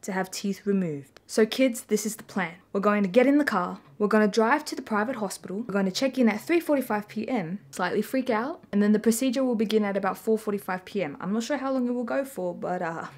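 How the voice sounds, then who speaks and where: A young woman talking casually to camera in a playful, animated storytelling way, recorded in a bedroom. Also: medium pitch, quick pace, few pauses. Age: young adult. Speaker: vlogger. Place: small bedroom indoors.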